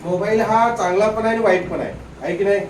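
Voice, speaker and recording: A man with a high, light voice lectures a class on grammar, firing questions back at the students and coaxing them along. He is picked up from some distance in an echoey room, with a faint hiss underneath. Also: quick pace. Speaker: Marathi grammar teacher.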